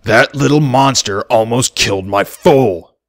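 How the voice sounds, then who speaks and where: A man's voice: mid-range voice, unhurried, voice pushed up, natural voice. A man reading an audiobook of a fan story, voicing an enraged adult stallion who growls and snarls.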